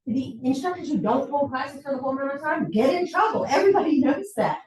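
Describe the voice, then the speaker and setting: A woman presenting a faculty training talk, lively and acting out what students say, recorded in a college meeting room. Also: high voice, a little fast. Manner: lively, acts out student quotes. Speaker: workshop presenter. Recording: roomy hall, far from mic.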